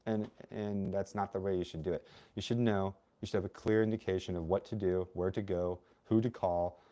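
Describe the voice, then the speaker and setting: Blunt, outspoken man with a low voice. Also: warm tone. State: has the hiccups. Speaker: co-host. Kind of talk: casual livestream chat.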